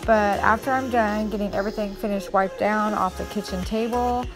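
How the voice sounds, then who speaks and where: A woman in her forties narrates her home cleaning in a casual, chatty way. She explains each step and apologizes easily, at an ordinary middle pitch. Music plays clearly underneath. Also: steady tone, moderate pace. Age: 40s. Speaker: cleaning vlogger. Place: home kitchen and living room.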